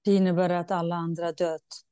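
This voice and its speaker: Low, mellow-voiced female interviewer. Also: flat delivery, smooth, dry recording, clean studio sound. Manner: emotional, empathetic questioning with restarts. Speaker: host. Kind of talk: conversational interview.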